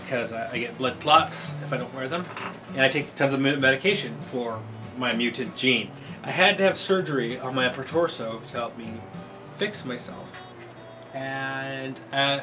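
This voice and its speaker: A man vlogging, telling a story to camera in a casual, rambling way with halting restarts. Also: medium pitch. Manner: rambling, grows loud and excited, yelps in quoted outbursts.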